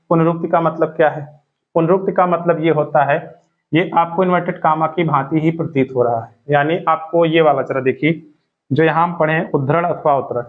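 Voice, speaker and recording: A man teaching grammar for exam preparation, explaining step by step with everyday examples and speaking straight to his students. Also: on the high side. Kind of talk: exam-prep lesson. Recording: phone-like narrow sound.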